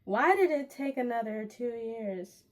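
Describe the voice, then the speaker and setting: Chicago-accented woman host, lively rant-style video essay commentary, slightly high voice, keeps firing rhetorical questions. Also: unhurried. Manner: animated, exasperated, rhetorical questions. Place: home at night.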